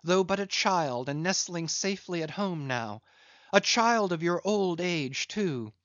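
A man voicing a grief-stricken sea captain who begs urgently, his voice climbing high and excited. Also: a little slow, no room sound, lo-fi sound. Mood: pleading. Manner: urgent, begging, rising to high excited calls.

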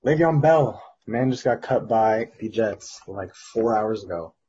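A man with a very raspy, fairly low voice talks casual, slangy sports as a podcast co-host. The audio is slightly muffled. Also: animated, measured pace, warm tone.

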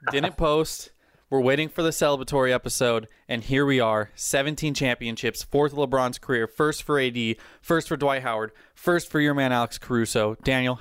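A man's voice: medium pitch, fairly bright tone, clean tone, no room sound, studio quality. A man hosting a sports podcast in casual chat, talking with rambling fan enthusiasm. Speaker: podcast host and sports writer.

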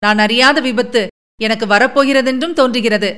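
Woman reader voicing a fearful young princess, high-ish and plaintive. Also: moderate pace, a bit bright, lightly acted. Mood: tearful. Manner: plaintive, sorrowful pleading.

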